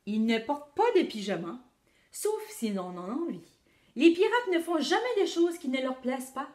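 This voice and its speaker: A teacher reading a picture book aloud to children, expressive and addressing the young listeners directly. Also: female voice, a little high, reverberant. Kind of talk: children's storytelling read-aloud.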